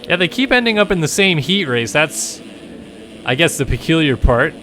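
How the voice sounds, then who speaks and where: A young man doing live play-by-play for an online motocross race, switching between excited calls and joking chat with his co-host. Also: a little high, normal speed, a little hiss or hum. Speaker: race commentator and streamer. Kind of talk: live esports race commentary.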